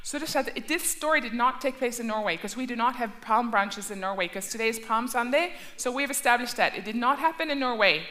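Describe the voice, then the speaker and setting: A woman's voice: a little high, few pauses, sharp tone. A woman teaching a children's church class, asking questions and repeating herself in two languages. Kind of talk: bilingual Sunday school lesson.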